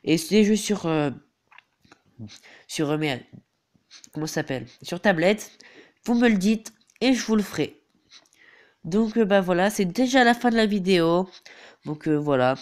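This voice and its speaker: A teenage boy with a head cold, who is a gaming YouTuber, narrates a game tutorial over the screen in a high-pitched voice with lively intonation. He speaks a little slowly and pauses often, hesitating and leaning on fillers, especially "donc voilà."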